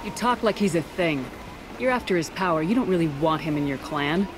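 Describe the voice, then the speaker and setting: A woman's voice: fairly low pitch, lively intonation, fairly quick, background noise, lightly acted. A woman playing a tough, no-nonsense military commander in a video game, speaking in a clipped, assertive way. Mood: challenging. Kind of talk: dramatic video game acting.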